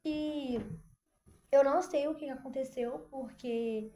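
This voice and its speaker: A young woman from Brazil telling a personal story in a lively way, speaking straight to her viewers and often breaking off with fillers and restarts. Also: high voice, slow pace. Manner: animated, addresses viewers as "gente", many fillers. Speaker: vlogger.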